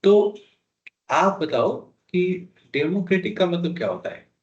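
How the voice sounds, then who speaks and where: A man's voice: sits high, lively intonation, takes it slowly, a little mellow, dull audio. A man teaching a polity lesson for exam prep, asking students questions and repeating key terms. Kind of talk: classroom lecture, Hindi mixed with English.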